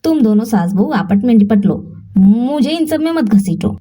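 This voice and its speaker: Storybook husband caught in the middle: placating, gentle, woman voicing him. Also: fairly high pitch, animated, normal speed. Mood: weary. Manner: placating, reasoning, mild. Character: young husband caught between mother and wife.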